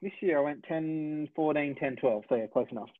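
A man in his twenties from Australia, a sprinter talking through his races in a reflective, measured way, often correcting himself. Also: fairly high pitch, no echo. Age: 20s. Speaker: sprinter, interview guest. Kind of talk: casual interview talk. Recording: dry, tinny phone-like line.

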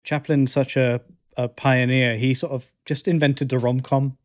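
A man co-hosting a podcast, talking about a film in a relaxed, joking way with some hesitations. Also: medium pitch, a little slow. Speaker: podcast co-host. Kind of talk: casual film discussion.

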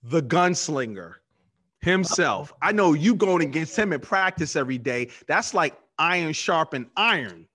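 A man with a slightly higher than usual pitch hosts an interview. He listens closely and answers his guest with short affirmations. He asks his questions in an easy conversational way. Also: sing-song, measured pace, bright, forceful tone, husky.

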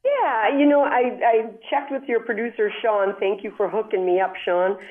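Calling in over a tinny speakerphone line from a hotel room far from the studio, a woman hosts a travel call-in advice show. Her voice sits on the high side, and she talks at normal speed, chatty and upbeat, explaining at length.

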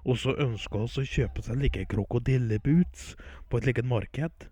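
Casual and comic, a man spins rambling folksy jokes packed with fillers, alongside sports commentary. His voice is medium-pitched and dark. It's a dry recording.

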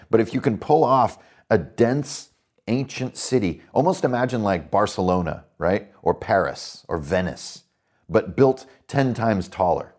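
A man's voice: fairly low pitch, a little mellow. A man hosting a tabletop roleplaying podcast, talking casually and enthusiastically about worldbuilding with lots of fillers. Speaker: podcast host and dungeon master.

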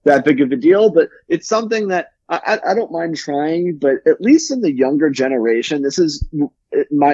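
A man co-hosts a casual sports podcast, circling his point with restarts and fillers. His voice is warm and mellow. The recording is dry and dull, like a lo-fi line. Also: fairly high pitch, no room sound. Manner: rambling, many restarts and fillers. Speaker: podcast co-host. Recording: dull, lo-fi sound.

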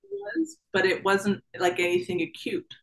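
A woman's voice: mid-range voice, very animated, moderate pace, low-quality recording. Woman in her thirties, guest storyteller, chatty, lots of "like", acts out her own thoughts. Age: 30s. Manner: vivid, chatty retelling with many "like"s and acted-out thoughts. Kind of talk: personal storytelling interview.

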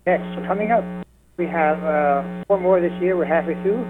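A man speaking over the phone as a guest on a radio show, friendly and unhurried, listing things off with fillers. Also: a little high, over music. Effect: heard over the phone. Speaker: folk music society representative, radio guest. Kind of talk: casual radio interview. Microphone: telephone. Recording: tinny phone line with hum.

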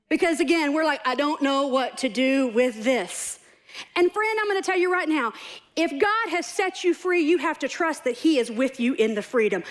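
A woman preaching a sermon, animated and humorous, acting out quoted voices. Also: high-pitched.

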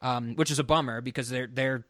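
A man's voice: mid-range voice, steady tone, fairly quick, bright, forceful tone, no echo. Man, podcast co-host, casual rambling chat, mid-range voice, dry sound. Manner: rambling, many restarts and fillers; laughs often.

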